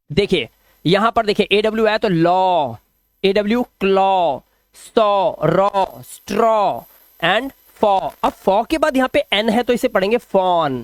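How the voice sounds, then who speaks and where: A man's voice: high voice, dry recording. Man, phonics teacher, dry close sound, asks and answers his own questions. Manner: asks questions and answers them himself, repeats words slowly. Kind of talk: classroom-style explanation.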